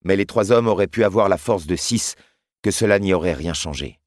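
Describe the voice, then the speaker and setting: A man reading a story aloud in a measured, grave way. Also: low-pitched, dry recording, studio quality. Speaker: narrator. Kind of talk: scripted audiobook narration.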